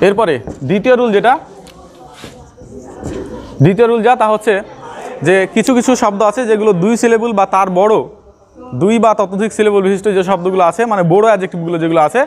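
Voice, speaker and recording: A man's voice: high voice, fairly even intonation, fast, long pauses. A man teaching English grammar in a classroom style, explaining step by step and repeating key terms.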